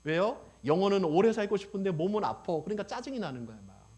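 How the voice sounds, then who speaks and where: Animated Korean pastor preaching, lively pitch. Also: male voice, fast talker. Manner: animated storytelling, acting out quoted old people. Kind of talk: sermon.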